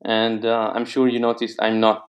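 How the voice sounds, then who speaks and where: A lowish, monotone male voice moves at a moderate pace. He's an entrepreneur with Italian as his first language and an Italian accent, speaking hesitantly in a casual interview with plenty of fillers and restarts.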